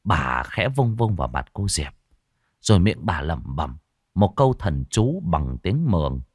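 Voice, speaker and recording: A man narrating a ghost story in an expressive, lively telling. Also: deep voice, a little slow, husky, no echo, studio quality.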